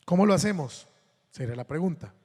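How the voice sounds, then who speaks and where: A man's voice: fairly high pitch, expressive, a little fast, mellow, breathy edge, in a large hall. A Colombian man, a priest giving a sermon, telling funny anecdotes and acting out the voices of the people in them. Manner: anecdotal, humorous, acts out quoted voices.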